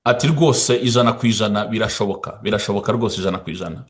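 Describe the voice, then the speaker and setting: A man who speaks and interprets, talking fast and often stopping to restart his words. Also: lowish voice.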